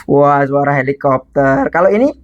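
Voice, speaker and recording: Young woman, children's storyteller, lively sing-song questions, fairly low voice. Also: moderate pace, dull audio, very noisy. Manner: lively, asks children questions, animal sounds.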